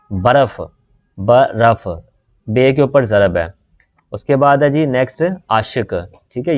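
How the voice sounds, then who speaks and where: A man's voice: medium pitch, darkish tone. A man from Pakistan who teaches online, walking his students through exam questions one word at a time and often saying "beta" and "theek hai". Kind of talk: exam-prep lesson, word by word. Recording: slightly dull lo-fi audio.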